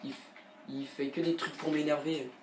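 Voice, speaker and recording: Dude raging at his game, kinda high voice, swearing and whining, roomy echo. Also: little pitch movement, normal speed. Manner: raging, exasperated gamer complaining repeatedly. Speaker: gamer commenting on own play. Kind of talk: casual gaming commentary with slang and swearing. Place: echoey room, game controller in use. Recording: roomy, echoing, faint background noise.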